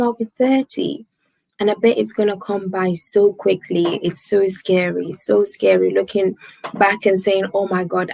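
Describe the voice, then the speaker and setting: Chatty woman with a gravelly voice. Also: medium pitch, no room sound, low-quality recording. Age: 20s. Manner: chatty, laughs often, thanks viewers by name. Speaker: livestream host. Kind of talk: casual live chat reading viewer comments.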